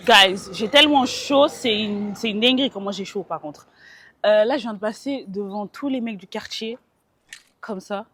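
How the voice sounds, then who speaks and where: A young woman from France records a casual vlog chat on a small mic, with slight background noise, speaking at normal speed in a mid-range, fairly bright voice. She talks about her outfit, mixes English words into her French, and laughs at herself, moving from getting ready at home to the street and metro.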